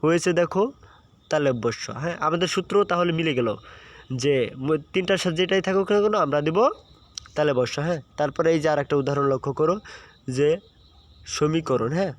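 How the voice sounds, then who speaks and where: A man's voice: on the high side, quick pace. A man teaching an admission-prep lesson, patient and repeating key points while checking understanding. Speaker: admission tutor. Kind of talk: online exam-prep lesson.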